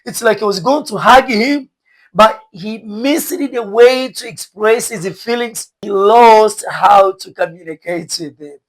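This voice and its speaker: A man's voice: sits high, a little slow, low-quality recording. A man with a Rwandan accent speaks straight to his audience in the manner of an online teacher. His delivery is earnest and exhorting, circling back to press each point again. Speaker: English teacher and online content creator. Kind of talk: direct-address lecture to viewers.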